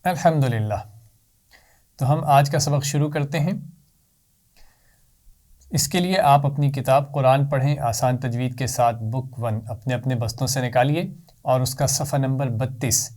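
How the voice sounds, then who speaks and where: A man teaching a children's Quran reading lesson, patient and clear, saying each sound slowly for the class to repeat. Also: mid-range voice, darkish tone.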